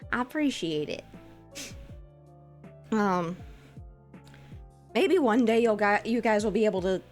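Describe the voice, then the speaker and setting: A woman in her twenties streams as a VTuber, chatting casually with viewers in a lighter, feminine voice she puts on over her naturally low one. She rambles along with fillers and giggles.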